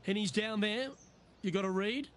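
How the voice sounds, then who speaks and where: A man calling golf play-by-play for a video game, brisk and polished, with light jokes. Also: high voice, fairly bright tone, slight background noise. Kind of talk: scripted video game commentary. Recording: game commentary over music.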